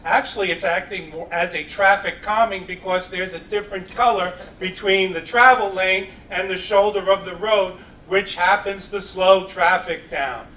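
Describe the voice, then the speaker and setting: A man with a high, bright voice and a New York accent makes an earnest, plainspoken campaign appeal. He is picked up from across an echoey meeting hall, faint noise underneath. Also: fairly even intonation, normal speed, hardly any pauses. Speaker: town candidate. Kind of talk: campaign debate statement. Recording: echoey room from a distant mic, faint noise.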